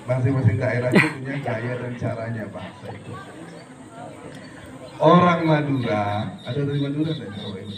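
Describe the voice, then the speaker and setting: A middle-aged man with a medium-pitched voice delivers a humorous religious lecture at a school event, speaking at a moderate pace and pausing often. He jokes, mimics regional dialects when quoting people, and preaches motivationally, urging students to keep growing. The school hall is echoey and noisy, and his voice sounds far from the mic.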